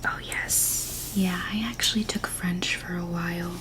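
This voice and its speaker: A woman doing a whispered role-play as a helpful librarian, speaking in a gentle, breathy hush. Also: lowish voice, steady tone. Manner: hushed librarian manner, gentle and unhurried. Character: soft-spoken, helpful female librarian checking out books.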